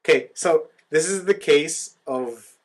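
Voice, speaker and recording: Speaking at a measured pace in a voice on the high side, this man co-hosts a podcast. The talk is a casual fan conversation about anime, with him explaining things like someone who knows the subject well.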